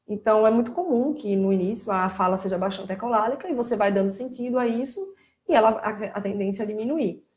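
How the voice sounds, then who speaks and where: Brazilian woman explaining speech therapy. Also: mid-range voice. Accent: Brazilian Portuguese. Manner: explanatory, animated when imitating children. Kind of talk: casual live-stream talk.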